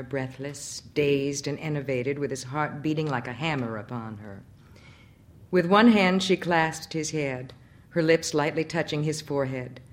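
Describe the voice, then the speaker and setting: A woman narrating a literary short story aloud in a measured, expressive reading. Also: a bass voice.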